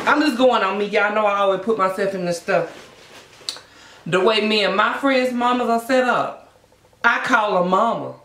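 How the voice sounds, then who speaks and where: A vlogger chatting casually and bluntly to viewers between bites of food, telling things in an animated way. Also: mid-range voice. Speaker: mukbang vlogger. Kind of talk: casual chatty mukbang vlog while eating. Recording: echoey room.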